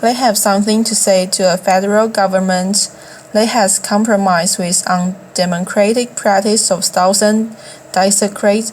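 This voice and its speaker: A woman's voice: mid-range voice, a little mellow. Woman reciting a formal eulogy, background noise. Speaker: speaker delivering a famous eulogy.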